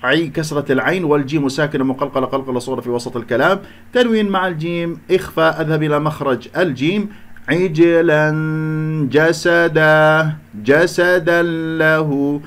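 A man teaching Quran recitation, explaining each letter and recitation rule and drawing out slow chanted examples, with an Iraqi accent. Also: a little high.

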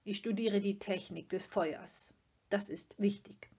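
A woman's voice: medium pitch, steady tone, unhurried, warm tone, breathy edge. A woman voicing a fussy, proud troll father who is easily offended, talking in an indignant, lecturing way. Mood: dismissive. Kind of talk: storybook reading.

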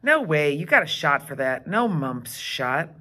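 A woman's voice: low voice, big pitch swings, measured pace, sharp tone, heavily acted. A woman reading aloud, putting on the voice of a teasing young boy in a storybook. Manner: bratty, taunting.

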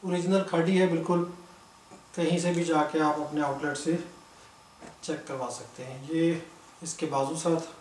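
A man, a clothing seller briskly listing items in a sales walkthrough. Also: fairly high pitch, fairly even intonation, a little mellow. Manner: brisk, matter-of-fact listing. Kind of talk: product walkthrough sales pitch. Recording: echoey room, distant mic, background noise.

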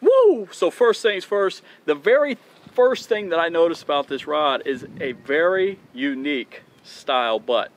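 Out on a dock beside open water, a fishing-channel host in his thirties casually unboxes new gear. He sounds enthusiastic and chatty, addressing viewers as "guys," in a fairly high voice with big pitch swings and an unhurried pace.

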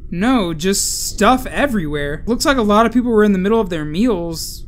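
A man's voice: high-pitched, lively intonation, a little hiss or hum. A man reading out the text messages of a young man exploring a trashed restaurant, in his own voice. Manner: read-aloud text messages, measured. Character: young man texting from a crime scene. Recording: faint music behind.

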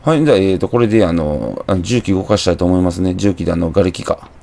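A young man with a Kansai accent chats through his horror gameplay, muttering to himself and crying out at startling moments. He talks fast in a low, warm, creaky voice that is very expressive.

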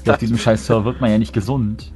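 Joking gamer dad. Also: male voice, on the low side, little pitch movement, fast. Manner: joking, teasing, rambling. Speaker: let's play gamer. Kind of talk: casual gaming banter. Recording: voice chat with faint background music.

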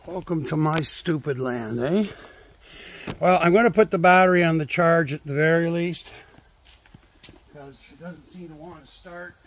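A man's voice: fairly high pitch, moderate pace, long pauses. A middle-aged man vlogging at an outdoor campsite, muttering and cursing at himself while he works on gear. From Canada. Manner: self-mocking, mutters and swears to himself while working. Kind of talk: casual solo vlog talk. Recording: noisy outdoor camera audio.

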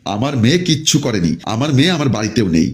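Man as stern angry father, middle-aged, curt, animated. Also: mid-range voice, quick pace, lightly acted.

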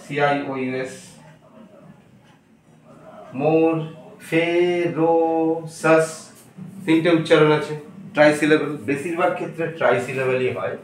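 Man, teacher, repeats and spells words aloud, slightly high voice, faint background noise. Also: steady tone, normal speed, pauses often. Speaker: English grammar teacher. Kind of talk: slow classroom-style lesson. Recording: very echoey room, distant mic.

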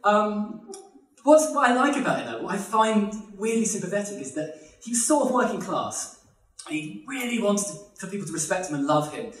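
A man's voice: high-pitched, normal speed. Guy telling funny history stories, voice bouncing up and down, kinda roomy and far from the mic. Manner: animated, laughing often, acting out quoted voices. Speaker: podcast guest telling history anecdotes. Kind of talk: comic storytelling. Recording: roomy sound from a distance.

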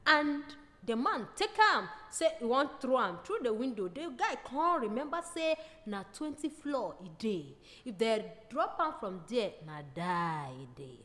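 Woman comic storyteller, Nigerian Pidgin accent, brightish pitch, reverberant room. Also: measured pace, few pauses. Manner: lively, laughs at own jokes. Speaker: comedian storyteller.

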